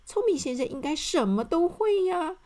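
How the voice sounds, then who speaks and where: Woman voicing a bubbly eager cheery man, storybook, high squeaky voice, jumps all over. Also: big pitch swings, normal speed, a little mellow. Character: cheerful excitable man who loves jokes.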